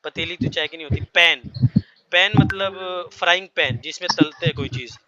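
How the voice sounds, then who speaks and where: A man's voice: on the high side, normal speed, lo-fi sound, very noisy. A man teaching English vocabulary to a class, explaining each word and checking that everyone follows. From India.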